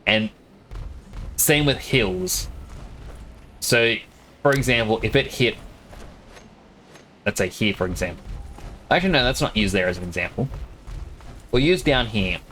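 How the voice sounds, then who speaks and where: A game streamer from Australia talks casually and explains at length, his Australian accent mixed with American notes. He has a fairly low, bright, forceful voice with lively intonation, speaking unhurriedly with frequent pauses over slight background noise.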